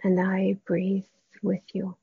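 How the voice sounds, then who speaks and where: Woman, meditation guide, soft spa-like near-whisper, very breathy, flat monotone, gentle pauses, husky. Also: mid-range voice, dry recording. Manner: slow, gentle delivery with long pauses. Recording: dull, muffled, dry close recording.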